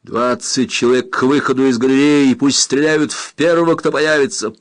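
A man reading aloud, voicing a bold male pirate captain who barks loud commands in an audiobook. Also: on the low side, expressive, slow, no room sound, studio quality. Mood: commanding.

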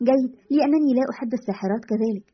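A woman's voice: fairly high pitch, racing, breathy edge. A woman voicing a sarcastic, nosy male TV show host with a dismissive manner, in a dull lo-fi recording.

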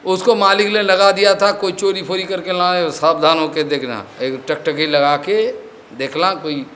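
A man's voice: sits high, steady tone, moderate pace, fairly bright tone, a little hiss or hum. A man giving a devotional discourse as a spiritual teacher, explaining with stories, slipping in English words and often asking whether his listeners have understood.

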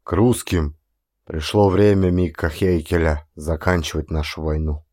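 A man reading an audiobook, voicing a calm, firm army corporal who gives orders. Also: rumbling low, measured pace, no room sound, studio quality, voice pushed down. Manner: firm and commanding. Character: steady, stern army corporal. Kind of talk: audiobook character voice.

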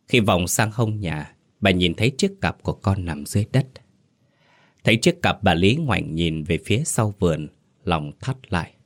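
A man narrating a scripted horror story in a steady, measured way. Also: low-pitched.

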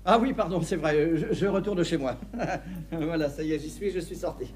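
A man's voice: fairly high pitch, moderate pace, darkish tone, slight background noise, close to an everyday voice. A man playing a flustered married man in a stage farce, protesting with stammering embarrassment. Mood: sheepish. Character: flustered married man resisting a young woman's advances. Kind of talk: filmed stage farce acting.

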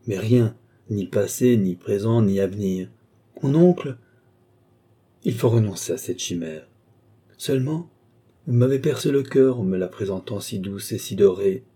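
Courtly middle-aged duke, read by a man: dark mellow low voice, earnest, declaiming. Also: animated, a little slow, long pauses, husky. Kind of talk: audiobook reading of a classic novel.

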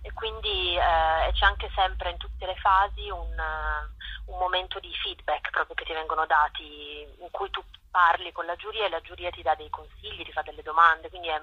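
Interviewed as a theatre director over the phone, a woman explains things casually, often tossing in little tag questions to check in. Her lowish, husky voice holds a steady tone at normal speed, and the sound is dull and roomy like a radio phone-in.

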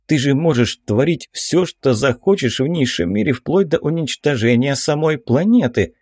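A man's voice: medium pitch, animated, moderate pace, darkish tone, husky, dry recording, clean studio sound. A man voicing a sly, snarling five-hundred-year-old demon woman in an audiobook, with a mocking, defiant delivery. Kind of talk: audiobook character voice.

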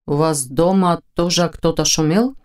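Audiobook role: a grumbling half-awake young man, read by a woman, lower and slower than her narration. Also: darkish tone. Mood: sleepy. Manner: grumbling, sleepy, slow. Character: drowsy gruff young man with a pistol. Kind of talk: audiobook character voice.

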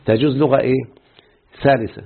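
A man's voice: mid-range voice, steady tone, quick pace, vocal fry, slightly rough. A man with an Egyptian Arabic accent teaching Arabic grammar in a classroom lecture, explaining step by step, repeating terms and putting questions to his students. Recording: tinny phone-like lecture recording.

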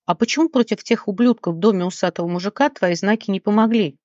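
A laconic young man, as a woman narrator reads him, teasing in short, dry remarks. The voice stays at the reader's own middle pitch. The recording is dull and dry. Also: quick pace, darkish tone, dry recording, lightly acted.

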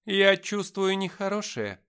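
A man's voice: sits high, big pitch swings, unhurried, fairly bright tone, clean tone, voice pushed up, heavily acted. A man reading an audiobook voices a haughty, world-weary female angel who speaks in a commanding, solemn way. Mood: entranced.

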